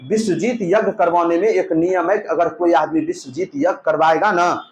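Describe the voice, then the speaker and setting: Man, teacher, storytelling lesson, acts out dialogue, high voice. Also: normal speed. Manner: lively storytelling, acting out dialogue with asides to students. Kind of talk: exam-prep history lesson told as a story.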